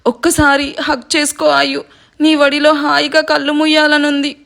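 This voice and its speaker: A woman voicing a gentle young pregnant wife in pain, speaking tearfully in a storybook tale. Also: high-pitched, monotone, moderate pace, gravelly. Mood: pleading. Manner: tearful, pleading.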